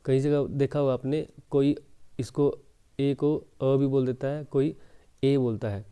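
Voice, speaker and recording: Male teacher, mid pitch, smooth and very mellow tone, deliberate explainer. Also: steady tone. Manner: slow deliberate reading of English sentences; explaining, addresses viewers as friends. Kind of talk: exam prep lesson.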